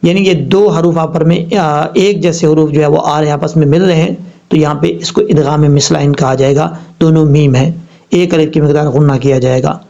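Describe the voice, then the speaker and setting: A man with a Pakistani Urdu accent teaching Quran recitation, explaining rules step by step and reciting example words slowly and drawn out. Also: a little high, fairly even intonation, gravelly, warm tone. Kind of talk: tajweed lesson. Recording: dull lo-fi sound.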